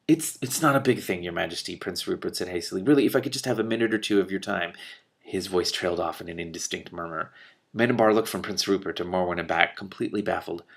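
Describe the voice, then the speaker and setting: The speaker, a man with vocal fry, reads a fantasy novel aloud and pipes up higher and louder for the characters. Lively by nature, he stops between passages to mutter, laugh and swear, doubling as commentator.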